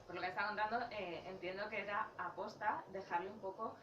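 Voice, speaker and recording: A woman's voice: mid-range voice, steady tone, a little fast, muffled recording. A woman, presenting a book talk, who speaks hesitantly with many fillers. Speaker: presenter asking the author questions. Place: bookshop event room. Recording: roomy, distant mic with audible noise.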